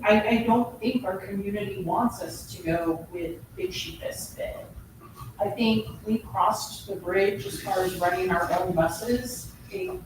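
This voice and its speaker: A woman board member makes her case at a public meeting, earnest and halting, starting her sentences over. She speaks slowly, and her voice is caught from a distant mic in a very echoey meeting room with a noticeable background hum. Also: mid-range voice. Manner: earnest, halting, with many restarts. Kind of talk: arguing a point at a public meeting.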